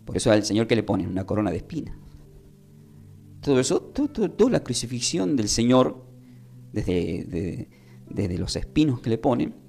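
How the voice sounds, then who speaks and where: A man's voice: mid-range voice, big pitch swings, moderate pace, vocal fry, long pauses, a little mellow, faint music behind. A man from Tucumán with an Argentine accent, teaching a Bible class and having his listeners repeat his phrases. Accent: Argentine Spanish. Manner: prompts listeners to repeat after him, emphatic rises. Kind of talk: Bible class preaching with call and response.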